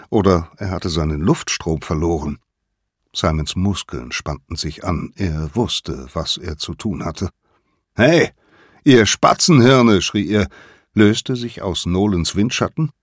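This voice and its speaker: A man narrating a children's adventure story in an expressive reading. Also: deep voice, no room sound, clean studio sound. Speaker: audiobook narrator.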